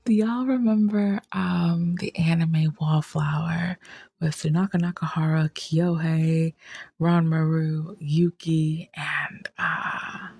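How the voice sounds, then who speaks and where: Woman, slow and rambling, heavy vocal fry, whispery asides, dry close sound. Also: low-pitched, steady tone, no echo. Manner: rambling, soft-spoken, often drifting into whispers. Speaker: tarot reader. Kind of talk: casual reflective chat.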